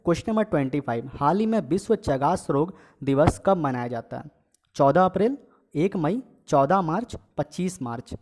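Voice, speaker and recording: Higher-pitched male tutor quizzing viewers. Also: animated, normal speed, darkish tone. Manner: reads questions and options aloud, then gives the answer; repeats each question and adds filler checks like "okay". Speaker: exam coaching teacher. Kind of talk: casual quiz lesson.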